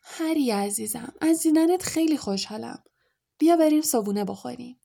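A woman voicing a stout witch mother who scolds her sons in a loud, high, shrill voice. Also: expressive, creaky, full character voice. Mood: relieved warm. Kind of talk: audiobook character voice.

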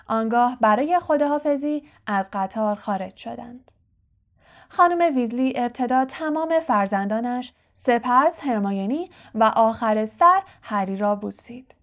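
A woman reading a novel aloud as an audiobook narrator, steady and clear. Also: on the high side. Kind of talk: scripted narration.

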